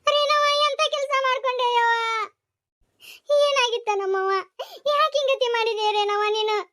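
A grieving old grandmother from a village cartoon, as a woman acts her out, lamenting in a North Karnataka Kannada accent. Her voice sits extremely high and shrill. She keeps crying out to God and pleading with everyone around her. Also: moderate pace, fairly bright tone. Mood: wailing. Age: over 60. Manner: wailing lament, repeated cries to God.

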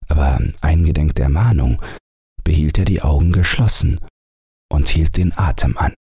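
Give me a deep-voiced man narrating a calm bedtime story. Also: slightly rough, dry recording, studio quality. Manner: measured storytelling voice. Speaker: audiobook narrator. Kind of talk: calm bedtime fairy tale reading.

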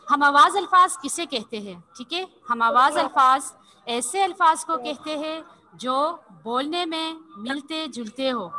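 Woman, teacher, high pitch, very bright tone, patient, coaxing, spells letters slowly, video call. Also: rough recording. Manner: repeats "theek hai" constantly and spells words letter by letter slowly; patient and coaxing, calls pupils "beta". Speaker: Urdu teacher. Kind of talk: online class teaching.

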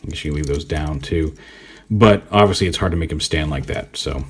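A man giving a relaxed, rambling hands-on toy review, thinking aloud as he poses the figure. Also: a bass voice, brisk, breathy edge. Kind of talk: casual hands-on product review.

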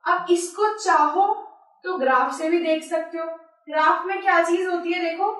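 A woman's voice: extremely high pitch, fairly even intonation, moderate pace, fairly bright tone. A woman maths teacher, giving a chatty whiteboard lecture and talking to her students informally. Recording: echoey room, voice from far off.

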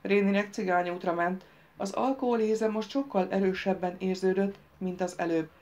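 A woman's voice: medium pitch, fairly even intonation. A woman reading an audiobook, raising her voice for the characters' lines. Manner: reads dialogue lines louder and livelier than narration. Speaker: audiobook narrator. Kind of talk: audiobook narration.

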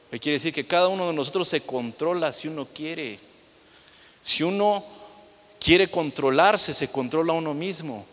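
A man's voice: on the high side, a bit bright, slight background noise. A young man preaching a sermon in a church, firing rhetorical questions at the congregation. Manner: acts out the voices of people in his stories. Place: church hall. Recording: long reverb of a large hall.

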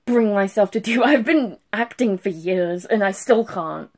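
Fresh from a cry, this young woman speaks at an ordinary pitch and a measured pace. Her casual review to camera is an emotional gush full of restarts and trailing thoughts, recorded on a phone held at arm's length in her small bedroom at home.

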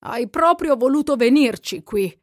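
A woman's voice: high-pitched, lively intonation, a little slow, dry recording, studio quality, pitched above the performer's own voice. A woman voicing a drowsy, half-drunk male companion who mumbles in a strained, altered voice. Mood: urgent.

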